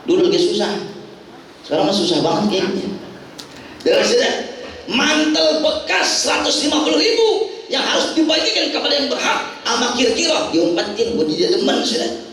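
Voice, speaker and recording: Sex: man. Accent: Jakarta Betawi. Role: preacher. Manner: lively, joking storyteller. Pitch: high and very lively. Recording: echoey prayer hall, distant mic. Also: moderate pace, pauses often, a little hiss or hum. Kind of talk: humorous storytelling sermon.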